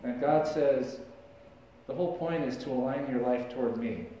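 In a large church sanctuary, a middle-aged man preaches as pastor, conversational and gesturing, his mellow voice medium-pitched at a normal speed. It's recorded from afar by a camera with no visible mic, so it echoes and carries a little hiss or hum.

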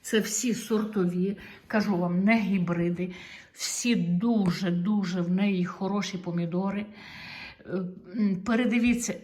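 A middle-aged Ukrainian woman with a medium-pitched, darkish voice chats casually to camera as a vlogger, showing tomato seeds. She's homely and talkative, drawing out her words.

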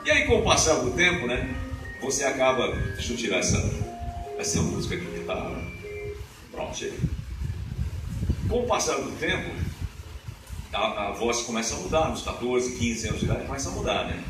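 A man in his fifties with a booming, resonant voice, giving an animated live motivational lecture with chatty asides. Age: 50s. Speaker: motivational speaker. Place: lecture hall of a spiritist association. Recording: echoey hall from far off, music behind.

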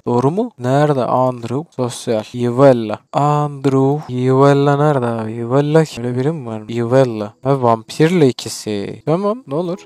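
A man's voice: a little high, a little mellow. A young man casually commentating his gameplay, chatty and exasperated, bossing his characters around. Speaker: gaming streamer.

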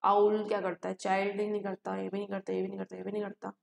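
A woman's voice: medium pitch, monotone, quick pace, vocal fry, roomy sound, slight background noise. A woman with an Indian accent teaching a live online English class, chatty and encouraging, calling students beta. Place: home.

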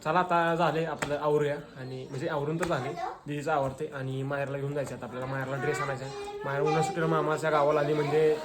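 A man's voice: fairly high pitch, flat delivery, fast talker, noisy background. A man vlogging casually at a family home, playfully coaxing the children to talk. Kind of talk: casual home vlog chat.

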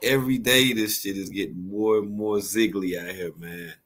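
A man hosting a profane reaction commentary, mocking and laughing loudly. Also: fairly low pitch, steady tone, moderate pace, heavy background noise. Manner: mocking, slangy, loud laughter. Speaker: host.

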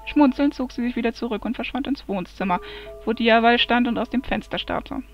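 A woman narrating a fantasy story aloud in a steady storytelling manner. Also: fairly high pitch, fairly quick. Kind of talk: amateur fantasy audiobook reading. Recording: dull lo-fi recording, soft music behind.

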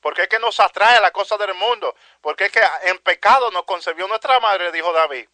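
A man delivers a fervent evangelical sermon in a high, bright voice. He keeps circling back to exclamations of praise and calls his listeners brothers. The recording is dry and close, with no room sound. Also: fairly quick, no room sound. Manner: peppers speech with "aleluya" and "santo Dios", addresses "mi hermano"; impassioned, repetitive preaching cadence. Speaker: preacher.

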